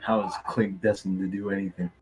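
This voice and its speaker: A man's voice: lowish voice, fairly even intonation, a little fast, darkish tone, husky, faint music behind, low-quality recording. A man playing in a tabletop game, chatting casually and joking.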